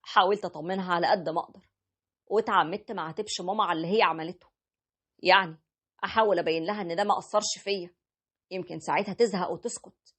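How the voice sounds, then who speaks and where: A woman's voice: fairly low pitch, breathy edge. A woman narrating a story as a young married man who stands by his wife, in a plain conversational retelling.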